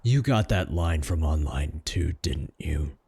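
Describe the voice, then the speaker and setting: A man playing a clingy, cocky male werewolf in a comedic roleplay audio drama, boastful, sarcastic and pleading, with a husky voice. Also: extremely low pitch, expressive, a little slow, darkish tone, dry recording, full character voice.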